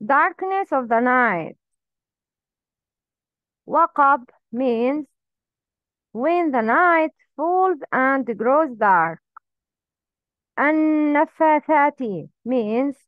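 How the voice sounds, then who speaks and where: A woman's voice: high voice, dry recording, lo-fi sound. Woman recitation teacher, dry close sound, models sounds and corrects them patiently, asks learner to repeat. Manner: slow, deliberate, sound by sound. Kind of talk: tajweed pronunciation lesson.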